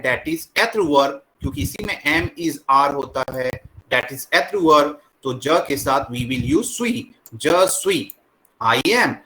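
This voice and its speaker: A man with an Indian accent teaching a French class, slowly drilling the words and switching between English and Hindi. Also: on the high side, pushed and bright, rough recording. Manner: slow, repetitive drilling, mixing English and Hindi. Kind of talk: classroom lesson.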